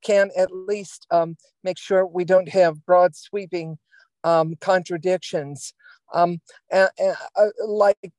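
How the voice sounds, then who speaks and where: Woman, meeting participant, earnest, deliberate, dry sound. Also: mid-range voice, dark tone, dry recording. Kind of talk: sharing in an online meeting. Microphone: video call.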